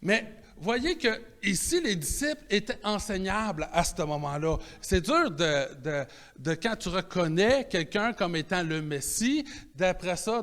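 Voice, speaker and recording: A man with a Quebec French accent preaching a sermon in a conversational, animated way, restarting his phrases often. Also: sits high. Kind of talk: sermon teaching.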